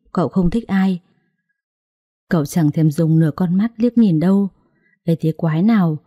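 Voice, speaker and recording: A woman narrating a story in a smooth, expressive reading. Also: on the low side, no room sound, clean studio sound.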